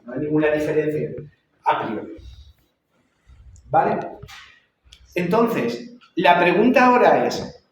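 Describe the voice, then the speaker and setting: Guy lecturing a class, kinda high voice, really echoey room, mic way off. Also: recorded from a distance, slight background noise. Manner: repeats and checks understanding with "¿vale?". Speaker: university lecturer.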